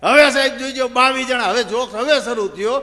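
A male folk comedian, telling an animated comic story on stage and acting out villagers' voices. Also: very high-pitched, fairly quick, in a large hall.

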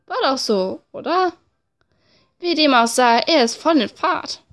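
A woman with a high voice narrates a visual novel game. She reads the text expressively and drops in informal, casual asides. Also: animated, unhurried, a bit bright, soft background music. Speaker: let's play narrator.

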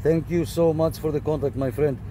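Speaking a little fast, a man with a fairly high but dark-toned voice and fairly even intonation chats on CB radio from his parked car before walking outdoors on camera. He runs a radio channel and vlogs, using radio jargon, repeating himself, and filling gaps with fillers over slight background noise.

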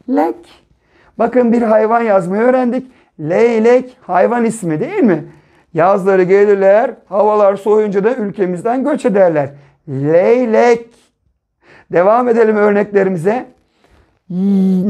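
A man teaching a reading lesson to young children, sounding out syllables slowly, blending them into words and checking understanding with gentle questions. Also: high-pitched. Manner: gentle, patient, ends points with a checking question. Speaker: primary school teacher.

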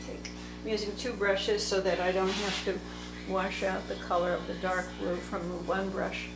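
A woman teaching watercolor, thinking aloud slowly as she paints at a table. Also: medium pitch, flat delivery. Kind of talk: unscripted painting tutorial narration. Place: indoor table workspace. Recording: echoey room with background music. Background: soft instrumental music.

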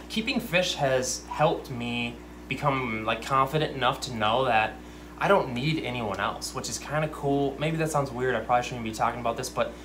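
A young man talks casually to his camera from a room full of aquariums, drifting from one tangent to the next in an ordinary, mid-pitched voice. He catches himself ranting and laughs it off. A faint hum sits under his voice. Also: a bit bright. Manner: rambling, self-aware, ranty asides. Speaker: aquarium channel host. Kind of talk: casual livestream chat. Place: fish room with lit aquariums, indoors. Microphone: desk camera at close range.

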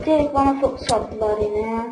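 A woman's voice: on the high side, brisk, music in the background. A woman giving casual let's-play commentary, grumbling and easily frustrated while talking straight to her viewers. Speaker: gaming channel host. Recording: roomy, distant mic with background noise.

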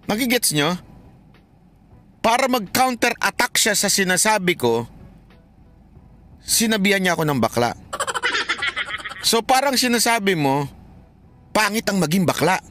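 A man's voice: sits high, lively intonation, unhurried, pauses often, over music. A man hosting a comedic commentary show, joking, laughing often and throwing rhetorical questions at his audience. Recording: noisy background.

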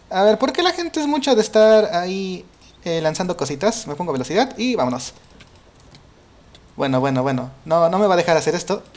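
A man talks through a game as he plays. He is chatty and excitable, breaking into exclamations and laughs as the action unfolds. He addresses his viewers casually, like a regular gaming video creator. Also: sits high. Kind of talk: casual gameplay commentary.

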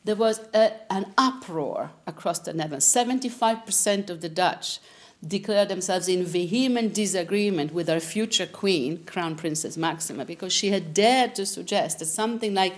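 A woman, answering interview questions in an animated, discursive way in a TV studio. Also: fairly low pitch, normal speed. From Italy. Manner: animated, gesturing, frequent restarts. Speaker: interviewee, philosopher. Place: TV studio with curtain backdrop.

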